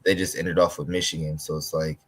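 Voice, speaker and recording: A man co-hosting a casual college football talk show, talking in a halting way with frequent restarts. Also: very deep voice, flat delivery, a bit bright, breathy edge. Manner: halting, stumbles and restarts often. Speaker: sports podcast co-host.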